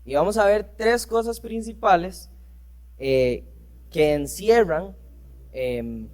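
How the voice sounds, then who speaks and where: Reading scripture aloud, this male preacher explains it through rhetorical questions, peppering his lesson with fillers and correcting himself often. He speaks slowly in a high-pitched, somewhat dark voice with lively intonation.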